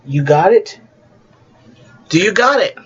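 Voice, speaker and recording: Man as calm mystic guardian; low, hushed, lo-fi. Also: takes it slowly, husky, heavily acted. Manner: low, hushed, half-whispered. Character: mysterious elder male guardian, calm.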